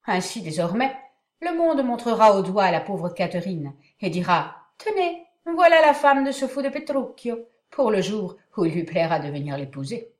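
Woman playing a fiery, indignant young bride, highly animated. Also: normal speed, reverberant, close to an everyday voice. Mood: indignant, wounded. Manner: indignant, declaiming, emphatic. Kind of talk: dramatic reading of a classic stage comedy.

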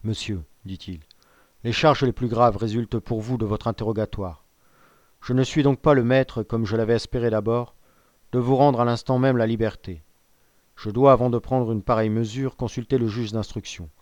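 A man's voice: mid-range voice, fairly even intonation, normal speed, darkish tone, no room sound, muffled recording, close to an everyday voice. A man reading an audiobook aloud, voicing a stern magistrate who gives orders in a commanding, tense and secretive way. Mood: urging. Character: stern, anxious male magistrate. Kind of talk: audiobook character voice.

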